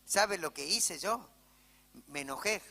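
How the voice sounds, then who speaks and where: Bright-voiced Argentine pastor preaching. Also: male voice, high-pitched, expressive, takes it slowly. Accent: Argentine Spanish. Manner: conversational storytelling, frequent "¿sí?" asides to the congregation. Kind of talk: sermon. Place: church. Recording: church hall reverb.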